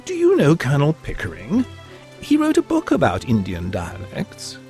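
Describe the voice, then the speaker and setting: A man's voice: on the high side, wildly swooping pitch, moderate pace, a little mellow, soft background music, pitched above the performer's own voice. A man voicing a self-assured male professor of phonetics who lectures in a confident, condescending way, in an audiobook reading.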